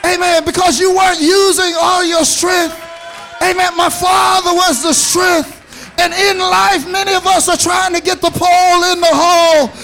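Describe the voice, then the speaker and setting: A male preacher with a strikingly high, gravelly voice. He delivers his sermon in a rhythmic preaching cadence and calls out to the congregation as he goes. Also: level tone, normal speed, raised voice, a crowd in the background.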